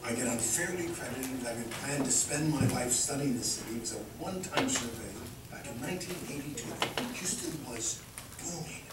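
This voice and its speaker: A man's voice: medium pitch, normal speed. A man speaking in a documentary interview, listing figures in a precise, fact-heavy way. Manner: precise, fact-laden delivery. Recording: film audio played back in an echoey room, noisy, far off.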